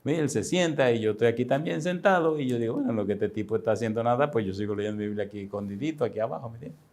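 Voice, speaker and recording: A pastor in his sixties telling a personal story in a sermon, with animated, chatty delivery and frequent laughs. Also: medium pitch, rapid-fire. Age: 60s.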